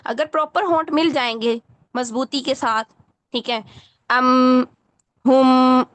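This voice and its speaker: A woman's voice: sits high, a bit bright, dry recording. A woman teaching Quran recitation in an online lesson, correcting a student patiently and often checking that she follows.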